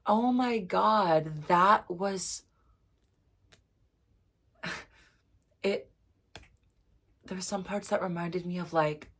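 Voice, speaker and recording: A woman reacting to an album in a casual vlog, emotional and gushing, full of "like" fillers and soft near-whispers. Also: lowish voice. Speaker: music reaction vlogger.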